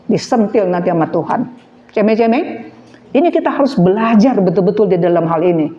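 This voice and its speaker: A woman preaching a sermon, animated, throwing questions at her listeners and slipping into slang. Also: mid-range voice, fairly quick, echoey room. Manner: animated, asks the audience questions, mixes in slang. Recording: dull lo-fi recording.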